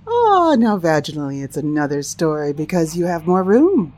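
Low-voiced, wry woman host with animated delivery. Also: normal speed. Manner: wry, teasing, theatrical asides to listeners. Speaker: host of a sex-topic show. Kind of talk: humorous solo talk show commentary.

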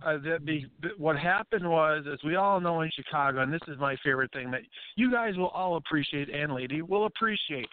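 A middle-aged man calls in to a radio interview over a dry, narrow phone line. His high voice is smooth and clear, and he talks like a courteous showman. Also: brisk, few pauses, dry recording. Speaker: wrestling promotion guest.

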